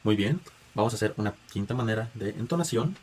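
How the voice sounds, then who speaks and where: A man's voice: lowish voice, animated, fast, darkish tone. A man gives a patient spoken music lesson, guiding students through chant tones with filler words and restarts. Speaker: music teacher.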